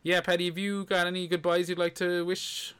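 A man's voice: high-pitched, level tone, brisk, a bit bright, clean tone. A man with an Irish accent hosting a podcast in casual, freely sweary banter. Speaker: podcast host.

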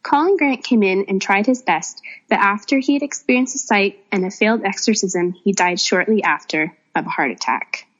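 Woman podcast host, mid pitch, brisk conversational storytelling, muffled lo-fi sound. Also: fairly bright tone.

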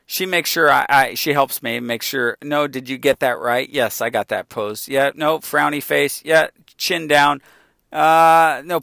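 Animated man telling candid stories. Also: on the high side, creaky, dry recording, studio quality. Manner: animated, candid storytelling with quick asides. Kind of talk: casual chat.

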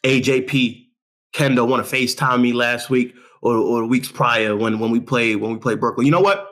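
A young man from New York hosting a talk show, ranting about his basketball team in an animated, boastful way with lots of street slang. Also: mid-range voice, normal speed. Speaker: show host. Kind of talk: hyped sports talk monologue.

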